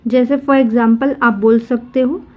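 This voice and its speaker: A woman teaching spoken English in Hindi, saying each English phrase slowly and clearly. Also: fairly high pitch, fairly even intonation, lo-fi sound.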